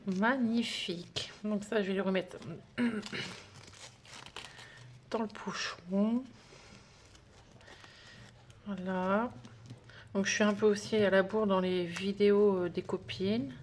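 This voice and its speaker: A woman chatting casually through an unboxing for a budgeting vlog, gushing over small items with many fillers and sometimes dropping to a soft whisper. She sounds tired. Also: medium pitch, steady tone, slow, pauses often, a little hiss or hum. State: tired, trembling hands. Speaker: budgeting vlogger.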